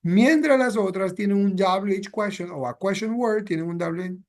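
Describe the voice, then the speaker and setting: High-voiced bilingual English teacher. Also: male voice, moderate pace. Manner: mixes English and Spanish, repeats phrases with "¿ya?" and "¿ok?". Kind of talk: bilingual classroom explanation.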